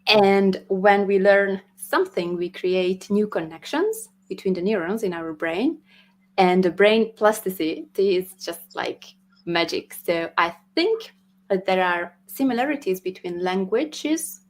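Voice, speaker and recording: An expressive, mid-range female voice belongs to a Hungarian music teacher whose mother tongue is Hungarian. Speaking in a casual interview, she is thoughtful, a little halting, and quick to laugh.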